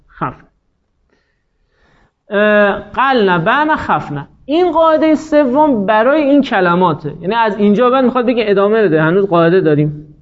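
A man with a fairly high voice leads a grammar class, explaining rules patiently and quizzing his students. He slows down when dictating word forms. The recording is dull and lo-fi. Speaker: Arabic grammar teacher. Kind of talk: classroom lesson. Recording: dull lo-fi sound.

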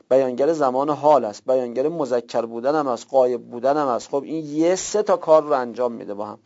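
A man with a gravelly, creaky voice lectures a class, explaining each point patiently, repeating key words and flagging what is new. The recording sounds dull and lo-fi. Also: medium pitch, a little mellow. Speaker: teacher of Arabic morphology.

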